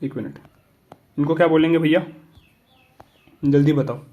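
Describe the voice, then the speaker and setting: A man's voice: a little high, moderate pace, phone-quality sound, a little hiss or hum. A young man teaching an exam prep lesson in a casual explaining style, often asking whether students have understood and switching between Hindi and English. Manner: repetitive checking questions, mixing Hindi and English.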